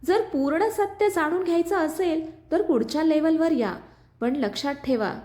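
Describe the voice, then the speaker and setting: A woman's voice: high-pitched, moderate pace, warm tone, voice pushed up, close to an everyday voice. A woman voicing a taunting male villain. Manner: taunting, mocking. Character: scheming male villain taunting over a speaker.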